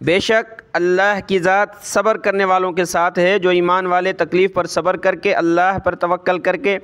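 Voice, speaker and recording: A man teaching Quran recitation, spelling out letters and vowel marks, then chanting each verse slowly. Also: high voice, flat delivery, a bit bright, clean tone. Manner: slow drawn-out chanting of verses.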